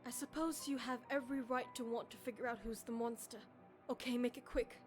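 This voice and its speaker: A woman's voice: fairly high pitch, fairly even intonation, fairly quick, faint music behind, lightly acted. An actress playing a hesitant but willing female survivor in a video game, tentative and compliant.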